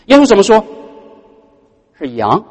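A man preaching a sermon, animated and throwing rhetorical questions at the congregation. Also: high-pitched, measured pace, long reverb tail. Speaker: pastor.

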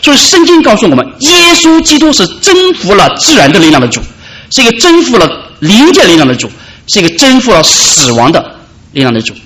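A man preaching a sermon, calling out loudly at high points and dropping soft in between. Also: wildly swooping pitch, fairly quick. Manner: preaching with dramatic rises and soft drops. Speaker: pastor.

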